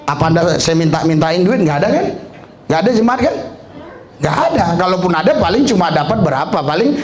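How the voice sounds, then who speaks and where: A man preaching a lively sermon, animated, breaking into shouts and laughter, with frequent hallelujahs. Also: a little high, brisk, echoey room, slight background noise.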